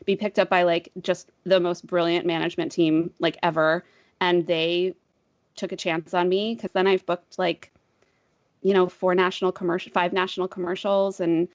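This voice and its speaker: A woman with a sibilant voice, chatting quickly and giggly as a podcast co-host who does voiceover work. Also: fairly low pitch, little pitch movement, no echo, highs cut off. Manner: quick, giggly, says "like" a lot. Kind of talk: casual chat.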